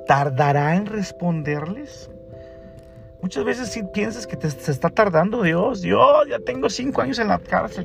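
A man's voice: a little high, vocal fry. A man in his forties with a Mexican Spanish accent, preaching an emphatic radio sermon that repeats phrases and puts direct questions to the listeners. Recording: faint music behind the voice.

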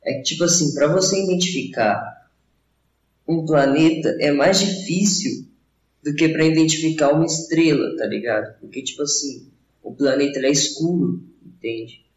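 Jovem brasileiro de fala chapada, com eco. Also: male voice, a little high, moderate pace. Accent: Brazilian. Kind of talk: casual rambling chat. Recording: roomy echo, slightly dull sound.

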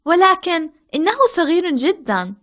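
Fast, high-pitched woman co-hosting lessons. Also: sing-song, fairly bright tone. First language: Arabic. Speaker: language lesson co-host. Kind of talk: scripted language lesson dialogue and chat.

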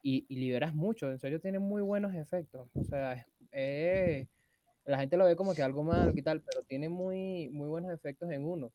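A man's voice: on the high side, moderate pace, no echo, dull audio. Joking young Venezuelan man, dry sound. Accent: Venezuelan Spanish. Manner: slangy, joking, loud bursts when mimicking others. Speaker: podcast co-host. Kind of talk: casual chat.

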